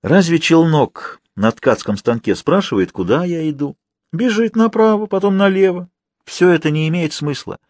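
A man voicing a calm, philosophical merchant who muses with gentle irony, in an audiobook. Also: a little high, moderate pace, no room sound, clean studio sound, pitched above the performer's own voice, natural voice. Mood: musing. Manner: musing, gently ironic. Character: calm, philosophical middle-aged male merchant.

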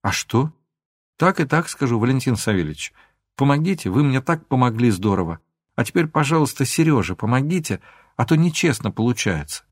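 A man reading an audiobook, voicing an emotional young woman who pleads and sometimes flares up into shouting. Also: medium pitch, very animated, fairly quick, no room sound, studio quality. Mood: persuading. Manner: pleading, then flaring into shouts.

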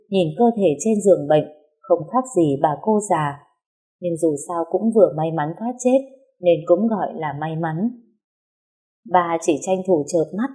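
A woman giving a calm, even first-person narration of a novel as an audiobook reader. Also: fairly low pitch, slightly rough.

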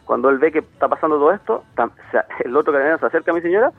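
A man with a Chilean accent, a radio interview guest speaking by phone, giving a rapid retelling full of quoted dialogue. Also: a little high, lively intonation, creaky, slightly rough, no room sound. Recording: tinny phone line, dry.

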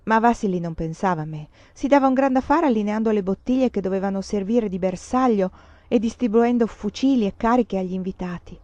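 Brief: woman narrator, audiobook reading, measured and expressive, dull dry lo-fi sound. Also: medium pitch, no room sound. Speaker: reader.

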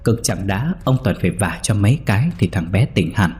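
Deep, mellow male horror narrator. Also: animated, brisk. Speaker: storyteller. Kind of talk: scripted horror story narration.

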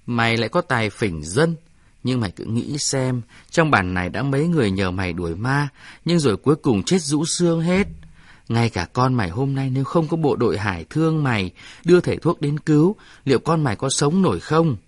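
A man voicing a stern old village elder who speaks slowly and scolds weightily. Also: lowish voice, expressive, no echo. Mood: scolding.

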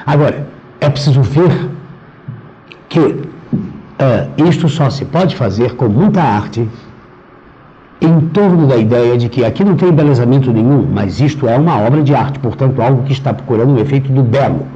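A man's voice: mid-range voice, animated, mellow. Man lecturing on poetry. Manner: reads verse aloud, then breaks off to explain meter; halting, repeats words while thinking. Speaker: literature teacher. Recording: dull lo-fi recording with faint noise.

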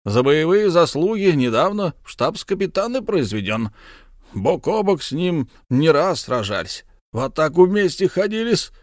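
A man's voice: on the high side, big pitch swings, no room sound, pitched above the performer's own voice. A blustering, tipsy nobleman with a hot temper speaks in a raised, pushy voice, as a male narrator puts him on. The audiobook recording is dry and close, with no room sound. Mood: effusive. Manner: blustering, quick to anger.

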